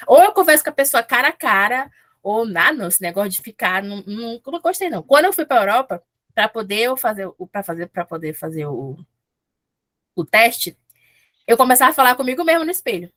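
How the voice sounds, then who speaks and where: A woman's voice: a little high, very animated, brisk, fairly bright tone, dry recording. A woman from Brazil teaching English in a casual, chatty lesson, often checking in with her listeners.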